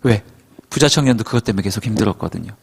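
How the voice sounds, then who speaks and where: A male pastor preaching to young adults, telling stories in an animated way and acting out quotes. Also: on the low side, rapid-fire, gravelly, slightly rough. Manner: animated storytelling, acts out quotes. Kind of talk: sermon to a young adult congregation.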